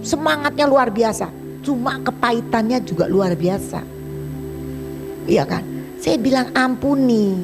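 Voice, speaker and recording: Woman preacher, animated storyteller, plays both sides of the talk, soft music under. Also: fairly high pitch. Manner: animated, acts out both sides of dialogues in a chatty colloquial way. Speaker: evangelist preacher. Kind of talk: sermon with storytelling.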